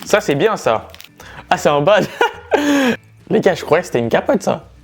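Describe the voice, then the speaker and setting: A young man chatting casually on his vlog, slangy and animated, laughing often. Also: on the high side, a little fast, creaky, soft background music. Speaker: vlogger.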